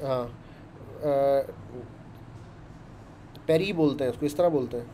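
A man's voice: mid-range voice, takes it slowly, dark tone, slight background noise. A man, teaching a casual coding lesson and chatting his way through each step. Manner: chatty, explains step by step with frequent "ṭhīk hai". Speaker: programming instructor.

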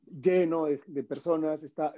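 A man's voice: fairly high pitch, a little slow, highs cut off. A Peruvian man with a Peruvian Spanish accent, a guest in a casual interview, telling stories animatedly and acting out the dialogue. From Peru. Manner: animated storyteller, acts out quoted dialogue.

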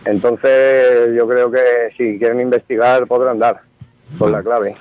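A man's voice: mid-range voice, flat delivery, unhurried. A man calling into a radio talk show over the phone, speaking with indignation and accusation. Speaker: radio caller. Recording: muffled dry phone line.

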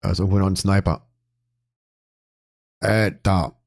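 A man commenting on his own gameplay, excitable, swearing and repeating panicked exclamations. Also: low voice, measured pace, vocal fry, dry recording. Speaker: let's play gamer.

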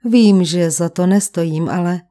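A woman's voice: fairly low pitch, mellow, close to an everyday voice. A woman reading the lines of a nervous, frightened young hotel maid with a slight Italian accent, anxious and defensive, in an audiobook. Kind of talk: audiobook character voice.

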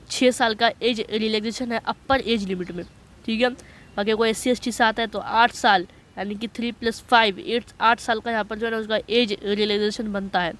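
A man walking viewers through a job notice in a voice-over on a screen recording. He talks in a chatty way, keeps checking that listeners follow, and reads English passages slowly. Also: very high voice, fairly bright tone. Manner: chatty, repeats "okay" to check understanding. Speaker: online job-notice explainer.

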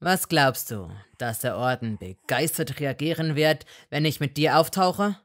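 A woman's voice: rumbling low, takes it slowly, vocal fry, voice pushed down, heavily acted. A woman reading a fan story and voicing a cold, bitter young wizard who growls curt, scornful replies. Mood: angry, scornful.

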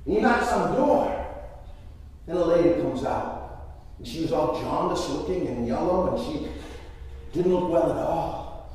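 A man in his fifties, a pastor telling a story sermon in the first person, with dramatic swings in loudness. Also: a little high, lively intonation, measured pace, long pauses. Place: large church. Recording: echoey church hall from far off.

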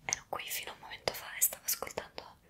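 A young adult woman whispers close to the mic in an ASMR roleplay, playing a bewildered young woman magically transported to the past. She sounds hesitant and full of wonder, yet her delivery is racing, bright and forceful, lightly acted.

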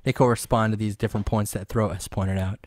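Male tutorial host, low, casual and joking, dry close-miked sound. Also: steady tone, fast talker, darkish tone, dry recording. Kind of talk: screen-recorded software tutorial.

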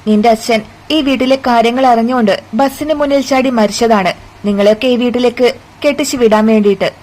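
A woman voicing a scornful, sharp-tongued middle-aged mother-in-law who taunts and accuses. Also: on the high side, fairly even intonation, brisk, lightly acted, rough recording.

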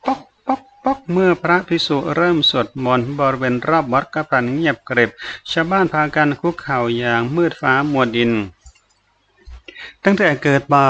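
A man reading a fantasy novel aloud as an audiobook narrator, in an even, unhurried storytelling manner. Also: fairly high pitch, lo-fi sound, a little hiss or hum.

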